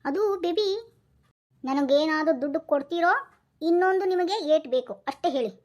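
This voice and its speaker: A woman's voice: sits high, a little fast, a little mellow, lightly acted. A woman voicing a bossy, wheedling cartoon wife. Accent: North Karnataka Kannada. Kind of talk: cartoon voice acting.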